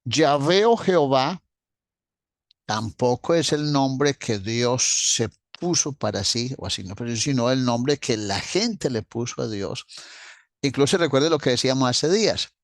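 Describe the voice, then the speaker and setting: A man teaching a doctrinal Bible class, explaining step by step and repeating key points to his listeners, sometimes clearing his throat. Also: mid-range voice, lively intonation, a little slow, dry recording, clean studio sound.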